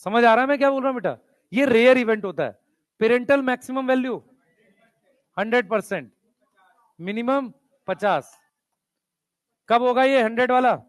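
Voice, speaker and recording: A man lectures a classroom in a fairly high voice and mixes in English technical terms as he explains. He calls his students "beta" and keeps urging them to write it down quickly. The sound is dry and close, with no room echo. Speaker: teacher.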